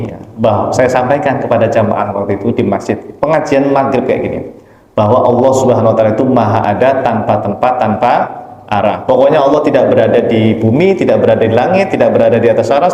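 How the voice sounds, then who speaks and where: A man's voice: mid-range voice, mellow, lo-fi sound. A man preaching a conversational study lecture, telling a story with animation and often addressing his listeners directly. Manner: emphatic, rising sharply on key points. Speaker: Islamic preacher. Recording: echoey hall with long reverb.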